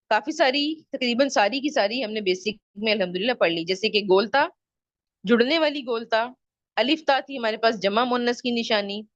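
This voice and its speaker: A woman teaching an online Arabic grammar class, drawing out example words slowly and often checking that her students follow. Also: on the high side, dry recording, muffled recording.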